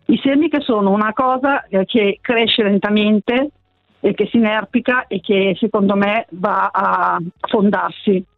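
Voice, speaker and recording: A woman's voice: medium pitch, a little slow, vocal fry, dry recording. A woman in her sixties calling in to a radio show on speakerphone, talking earnestly and searching for her words. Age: 60s. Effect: on speakerphone over a phone line. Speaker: radio caller. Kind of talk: call-in chat. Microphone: phone on speakerphone. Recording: tinny phone line.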